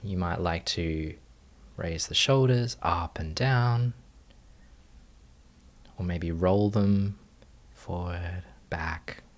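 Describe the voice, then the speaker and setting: Speaking softly as a teacher, a low-pitched man leads a guided meditation. His phrases are brief and unhurried, with long pauses between them.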